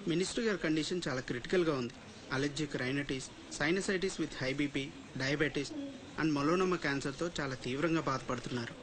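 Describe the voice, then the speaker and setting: An actor playing a grave doctor in a film, formally announcing a patient's condition. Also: male voice, fairly high pitch, a little fast, heavy background noise, lightly acted. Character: grave doctor giving a hospital press briefing.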